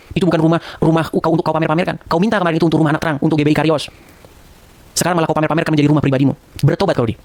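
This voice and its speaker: Fast, high-voiced man scolding with rising pitch. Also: dry recording. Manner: scolding, repeatedly calls the target by name. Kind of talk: direct-to-camera rebuke.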